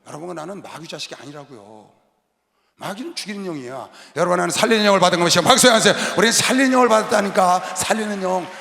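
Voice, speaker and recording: A man preaching a sermon as pastor, shouting and leading the congregation in call-and-response. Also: high voice, expressive, fast talker, gravelly. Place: large arena hall. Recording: roomy long-reverb arena sound.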